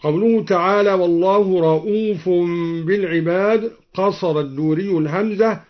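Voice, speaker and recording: Brief: slightly high male voice teaching recitation, alternates plain explanation with slow chant, muffled lo-fi recording.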